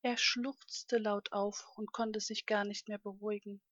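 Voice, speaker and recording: Female children's-story narrator, calm and expressive; dry, dull audio. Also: mid-range voice, unhurried, no echo.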